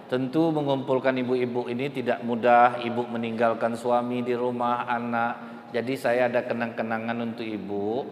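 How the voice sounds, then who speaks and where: A man's voice: medium pitch, little pitch movement, moderate pace, slight background noise, lightly acted. A man voicing a polite, persuasive male political candidate in a sermon anecdote. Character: smooth-talking male political candidate, middle-aged. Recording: echoey hall, faint ambience.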